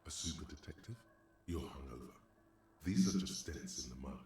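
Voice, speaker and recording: A male streamer reading game text aloud with commentary, slow and deliberate, sometimes dropping to a whisper. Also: rumbling low, a little mellow, echoey room.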